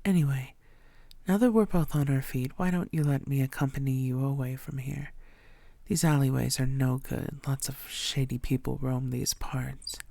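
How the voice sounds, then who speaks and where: This woman's bass voice sounds mellow and dry, with no room sound at all. She plays a predatory, lovestruck female vampire for an intimate audio roleplay, her murmurs theatrical, deliberate and frequently breathy.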